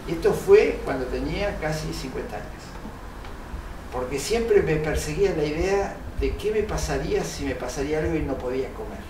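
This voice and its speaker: A man's voice: fairly high pitch, expressive, normal speed. Older Italian-born man, distant and roomy. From Italy. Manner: hesitant, many fillers, earnest. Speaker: interview guest, engineer and researcher. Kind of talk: reflective interview answers. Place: TV studio set. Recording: roomy, distant mic, noisy.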